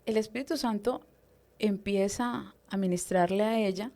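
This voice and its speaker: A woman giving a personal testimony in an interview. She tells her story with lively storytelling and acts out the voices of others. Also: mid-range voice, normal speed. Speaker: deliverance minister giving testimony.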